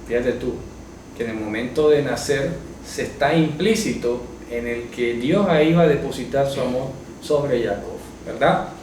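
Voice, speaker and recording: A man leads a Bible study class, voice set at an ordinary middle pitch. He spells out Hebrew phrases slowly and keeps checking that listeners follow. The recording is very echoey, with the mic far off and faint noise behind. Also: darkish tone. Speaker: Bible teacher.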